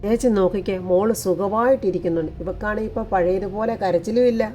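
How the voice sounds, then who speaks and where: A woman's voice: mid-range voice, fast talker, mellow, a little hiss or hum, lightly acted. Reassuring younger sister, read by a woman. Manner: coaxing, reassuring.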